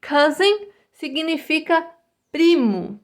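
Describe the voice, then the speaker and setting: A woman's voice: high-pitched, very animated, slow. A Brazilian woman teaching English to young children, patiently repeating each word and ending almost every phrase with a checking "tá?" or "né?". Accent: Brazilian Portuguese. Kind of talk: recorded online English lesson for first graders.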